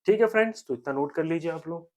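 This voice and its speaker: A man's voice: fairly high pitch, animated, fast talker, darkish tone. Man teaching, asking and answering himself. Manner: repetitive, asks and answers own questions; frequent 'theek hai friends' check-ins. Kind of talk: exam-prep history lesson.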